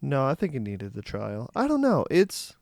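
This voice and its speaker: Gravelly young man chatting about movies. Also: medium pitch, wildly swooping pitch, darkish tone, dry recording, clean studio sound. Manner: halting, filler-heavy, trails off. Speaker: podcast co-host. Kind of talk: casual movie review chat.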